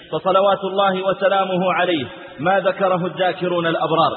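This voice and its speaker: A man preaching a sermon, telling stories with drama and chanting verses. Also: high voice. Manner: dramatic storytelling, raises voice for cries, chants verses. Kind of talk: sermon storytelling. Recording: tinny phone-like sound with hall reverb and faint noise.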